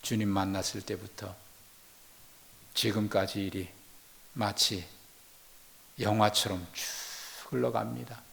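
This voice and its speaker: Man preaching, hushed then suddenly loud. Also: on the low side, little pitch movement, slow, vocal fry, pauses often. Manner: dramatic swings from hushed, near-whispered passages to loud emphatic lines. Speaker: pastor. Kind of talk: sermon.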